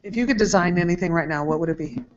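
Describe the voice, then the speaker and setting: A woman's voice: lowish voice, racing, darkish tone. A woman teacher questioning a student in front of a group, teasing yet encouraging, with frequent fillers. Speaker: camp teacher. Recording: dull lo-fi recording.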